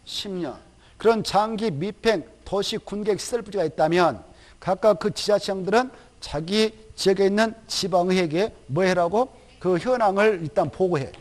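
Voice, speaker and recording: A man teaching a recorded exam-prep lecture, chatty and lively, firing questions at his students and answering them himself. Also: sits high. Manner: acts out officials in quick quoted asides.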